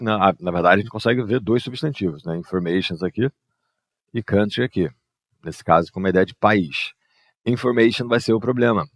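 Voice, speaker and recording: This is a man, walking students through exercise answers as their English teacher. His voice sits very low, and he speaks patiently, often adding "né" and "ó" as he explains. The sound is close and dry, with no room echo. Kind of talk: explaining exercise answers over a screen share.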